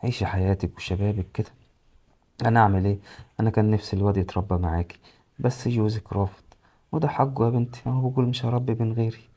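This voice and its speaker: A man with an Egyptian accent playing a gentle, resigned grandfather who talks in a soothing, consoling way. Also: lowish voice, steady tone, fast, muffled recording, natural voice. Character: older widowed-in-law grandfather, gentle and resigned.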